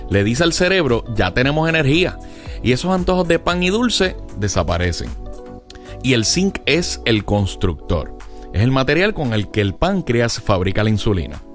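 A man's voice: mid-range voice, big pitch swings, moderate pace, soft background music. A man appearing as a doctor guest, explaining a product in an authoritative, scripted way.

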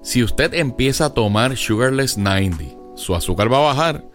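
A man's voice: mid-range voice, lively intonation, normal speed, a bit bright, faint music behind. A man appearing as a doctor guest, explaining a product in an authoritative, scripted way.

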